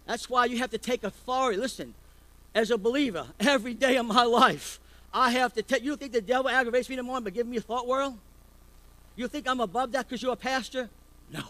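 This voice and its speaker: A man delivering a sermon with a high-pitched voice. He preaches forcefully and keeps throwing rhetorical questions at the congregation. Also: rough recording. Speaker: pastor.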